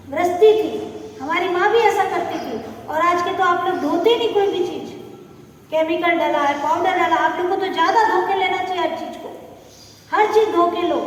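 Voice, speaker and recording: A middle-aged woman preaches from some way off the mic in a temple hall, her voice very high and ringing with a long echo. She scolds and drives her points home by asking questions and answering them herself, over a faint hum of noise. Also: far from the mic. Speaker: Jain nun giving a sermon. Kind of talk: sermon.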